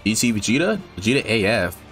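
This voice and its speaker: A man's voice: on the low side, sing-song, fast, a bit bright, soft background music. A man playing a fighting game with friends, talking loose slang, swearing and exclaiming as the fight goes. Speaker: gaming channel host. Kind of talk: casual gameplay chat with friends.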